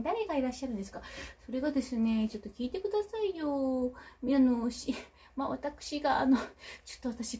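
A woman's voice: high voice, warm tone, breathy edge. A woman with a Kagoshima accent, a local politician hosting a casual livestream, who reads out viewer comments in a chatty, self-teasing way. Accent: Kagoshima Japanese. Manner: chatty, self-teasing, laughs between remarks.

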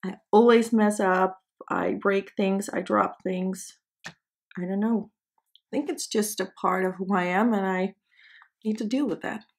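In a small indoor studio, a twentysomething woman whose native language is Dutch does her makeup on camera and makes casual, self-mocking tutorial chatter. The beauty vlogger's voice sits in the mid range, with fairly level intonation and an unhurried pace.

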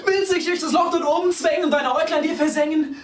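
A man voicing a shrill, scolding old grandmother who wails and frets, in an echoey room away from the mic. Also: steady tone, fast talker, far from the mic, a little hiss or hum. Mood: pleading. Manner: wailing, shrieking, fretful.

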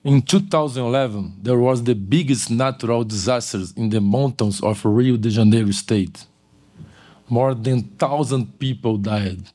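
A man's voice: mid-range voice, mellow. An older man giving a keynote lecture in a large auditorium at a podium mic, often restarting and correcting himself. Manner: halting, with frequent restarts and self-corrections. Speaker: keynote speaker. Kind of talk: conference lecture. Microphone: podium microphone.

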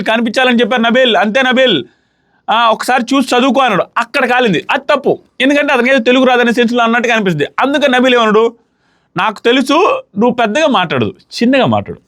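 A man talks quickly in a bright, high-pitched voice. He comments on a reality show in an animated, argumentative way and acts out what people said. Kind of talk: casual opinion commentary.

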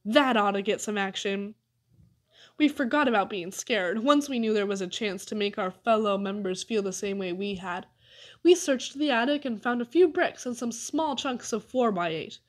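A woman narrating a storybook aloud in a lively, expressive reading. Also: medium pitch. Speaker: audiobook reader.

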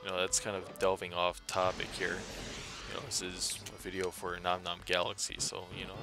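A tired man giving casual, rambling gameplay commentary in a flat, monotone voice full of fillers. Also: deep voice, a little fast, music in the background. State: tired after a day's work.

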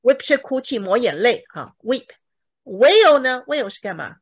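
A woman's voice: a little high, big pitch swings, measured pace. A woman teaching a bible English lesson in Mandarin, explaining each word and checking with her students. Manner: acts out examples dramatically.

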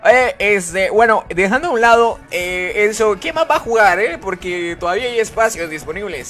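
A man's voice: high voice, fairly bright tone. A man streaming a game live, chatting casually and joking as he talks straight to his viewers. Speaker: gaming streamer.

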